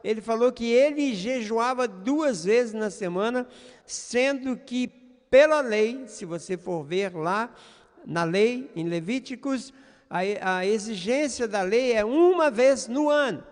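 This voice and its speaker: A man's voice: sits high, animated, a little slow, long reverb tail. A man preaching a sermon as a pastor, speaking earnestly to the congregation with frequent tag questions. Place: church.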